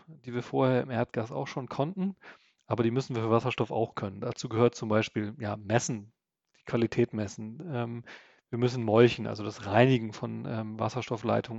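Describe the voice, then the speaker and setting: A man's voice: medium pitch, vocal fry, a little mellow, dry recording, lo-fi sound. A man, a guest researcher, explaining his projects in a podcast interview, with many hesitations and fillers.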